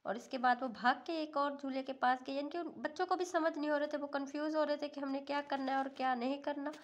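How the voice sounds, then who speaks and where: A woman's voice: high voice, fairly even intonation, quick pace. A woman vlogger narrating a family day out in a chatty, affectionate voice-over. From Pakistan.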